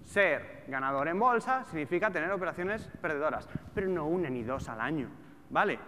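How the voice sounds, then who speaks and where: Expressive and a little fast, this man's bright, forceful voice sits on the high side. In his thirties and with a European Spanish accent, the trader and trading educator gives a colloquial, informal talk full of rhetorical questions to a live audience seated in a large auditorium. The hall is echoey, with background noise.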